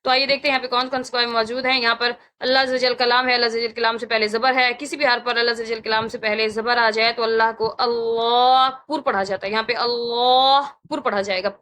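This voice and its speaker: A woman teaching a Quran recitation lesson, slowly demonstrating and repeating sounds and correcting common mistakes. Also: on the high side, little pitch movement, fairly bright tone, clean tone. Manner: slow, deliberate demonstration of sounds, repeating syllables.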